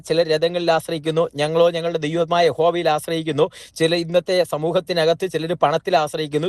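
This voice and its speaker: A man's voice: on the high side, dry recording. A man giving a devotional morning sermon, repeating and restating his phrases with small slips and corrections. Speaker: preacher.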